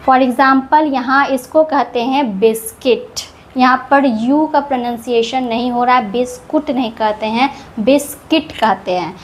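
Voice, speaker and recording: Woman teacher, high-pitched and unhurried, patient step-by-step explainer. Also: slight background noise. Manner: explains each rule patiently, repeating words. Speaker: English reading teacher. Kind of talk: slow step-by-step lesson.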